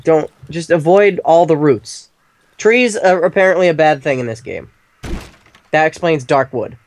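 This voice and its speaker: A man co-hosting a game stream as commentator, goofy and jokey with deadpan asides. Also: a little high, a little slow, no echo. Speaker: co-host commentator. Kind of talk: casual let's-play chat.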